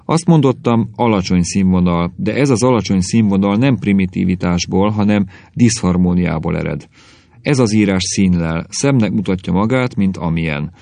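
A man's voice: sits low, gravelly, a little mellow, no room sound. A man voicing a scornful, bitter middle-aged husband who lectures and sneers, in an audiobook reading.

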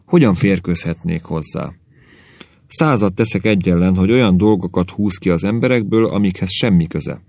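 A man reading aloud, voicing a suspicious husband who grumbles gruffly. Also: sits low, a little mellow, dry recording. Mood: grumbling.

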